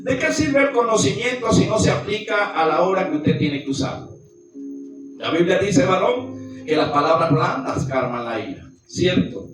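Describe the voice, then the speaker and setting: A man preaching with force, throwing questions at his congregation. His voice sits high and comes from a distance. A strong echo fills the room while guitar plays underneath. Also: very animated, moderate pace. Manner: emphatic, asks the listeners questions. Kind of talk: sermon with congregation exchange. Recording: echoey room, far from the mic, music behind.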